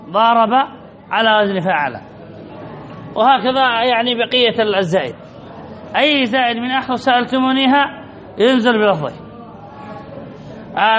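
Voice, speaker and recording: High-voiced man teaching a grammar class. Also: fairly bright tone, dull audio. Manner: repetitive, asks and answers his own questions. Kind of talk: classroom lesson on word patterns.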